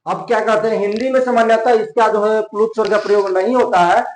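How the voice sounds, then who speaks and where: A man's voice: high-pitched, steady tone, quick pace, reverberant, rough recording. A young adult man teaching Hindi grammar from slides, asking questions and answering them himself, repeating key points and stretching vowels to show their length. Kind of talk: classroom lesson explaining slides.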